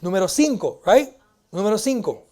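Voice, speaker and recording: High-voiced joking pastor. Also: male voice, very animated, moderate pace, a little mellow. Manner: playful and joking, switching into English phrases. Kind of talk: sermon. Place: church before a congregation.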